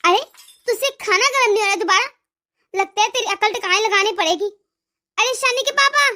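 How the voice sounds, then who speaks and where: A woman voicing a cruel, domineering mother-in-law who taunts and threatens loudly. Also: very high-pitched, a little fast. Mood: scolding. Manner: loud, sneering taunts. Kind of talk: cartoon voice acting.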